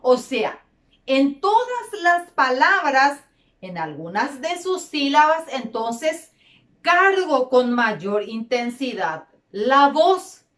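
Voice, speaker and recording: A woman's voice: sits high, very animated, slow, fairly bright tone. A woman teaching a grammar lesson to children, repeating key words and stretching words out. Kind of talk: slow, deliberate classroom lesson. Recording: roomy echo.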